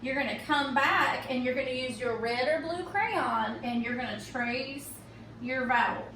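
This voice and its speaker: High-voiced teacher explaining slowly, echoey room. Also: female voice, pushed and bright. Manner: slow, patient, checks in with "okay?" often. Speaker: reading teacher. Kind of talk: recorded tutorial for young students. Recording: echoey room, distant from the mic, faint hiss.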